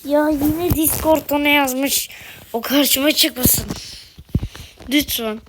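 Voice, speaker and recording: Slow, exasperated woman gaming. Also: sits high, noisy background. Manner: exasperated, exclaiming and pleading at the game. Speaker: gaming video host. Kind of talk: live game commentary.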